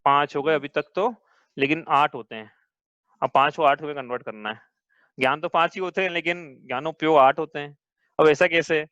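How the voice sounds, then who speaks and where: High-voiced man teaching a scripture class. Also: moderate pace, a bit bright, smooth, no echo. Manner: patient, asks students questions. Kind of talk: religious class lecture. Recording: dull lo-fi sound, dry.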